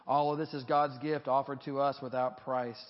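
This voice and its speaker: A male pastor leading liturgy and prayer in measured, formal phrasing before a congregation, with a cathedral-like echo. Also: medium pitch, flat delivery. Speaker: pastor leading a baptism reaffirmation service. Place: large reverberant church. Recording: muffled recording with long church reverb, cathedral-like echo.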